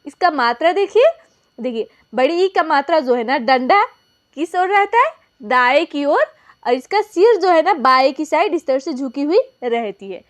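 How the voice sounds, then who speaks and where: A young woman with a high voice teaches a lesson to her viewers. She poses questions and answers them herself, repeating each point so it sticks. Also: lively intonation, moderate pace. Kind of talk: classroom lesson.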